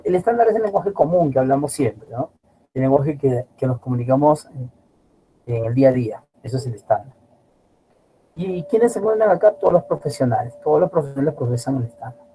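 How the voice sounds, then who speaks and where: A middle-aged man teaching a class, lively and always asking his students questions. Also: mid-range voice, a little fast, a little hiss or hum, low-quality recording. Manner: animated, asks students constant rhetorical questions. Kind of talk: classroom lecture.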